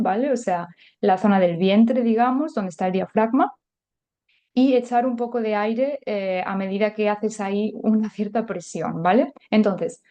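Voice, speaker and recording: Mellow-voiced woman teaching a language. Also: a little high. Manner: chatty and explanatory, many filler words. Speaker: German teacher. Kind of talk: podcast language lesson.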